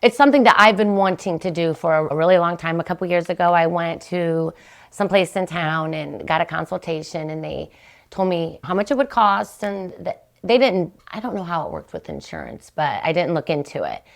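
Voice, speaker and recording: A chatty middle-aged woman rambles through a story on her podcast. Her voice sits fairly low with a gravelly fry, and she jumps up in pitch when she gets excited. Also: brisk. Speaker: podcast host. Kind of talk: casual chat.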